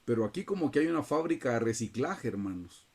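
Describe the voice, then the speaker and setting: A man's voice: medium pitch, lively intonation, quick pace, creaky, darkish tone, slightly rough. A man teaching a Bible study over a video call, earnestly and often turning to his listeners as brothers.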